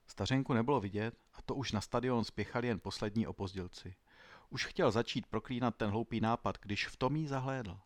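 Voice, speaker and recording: A man's voice: medium pitch, no room sound. Man narrating a storybook, dry sound. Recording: dry close studio sound.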